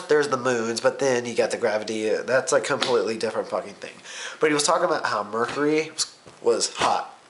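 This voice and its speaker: A man's voice: medium pitch, fairly bright tone. A young man talks through a casual vlog recap, rambling loosely and full of ums. He swears offhandedly and keeps jumping from one thought to the next. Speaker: vlogger.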